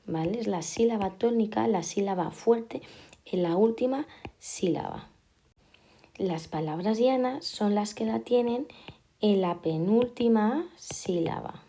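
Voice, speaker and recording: A woman teacher, patiently explaining a lesson and repeating key words slowly. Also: mid-range voice, warm tone. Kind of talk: classroom explanation.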